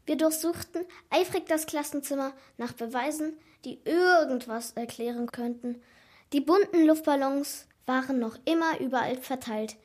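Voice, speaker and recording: A high-voiced woman tells a children's story in the first person. Her narration is animated and dramatic, the kind of expressive telling used for storybooks. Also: normal speed.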